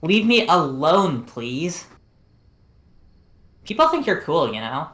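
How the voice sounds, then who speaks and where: A woman's voice: low voice, sing-song, takes it slowly, a bit bright, echoey room, full character voice. A woman voicing a blunt, tipsy teenage girl at camp, with grumbling, crude delivery.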